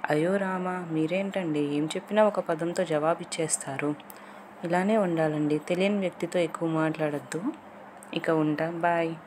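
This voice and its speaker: A woman voicing a friendly, teasing young man in an audio love story, in her own low voice. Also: fairly even intonation, moderate pace, noisy background, natural voice.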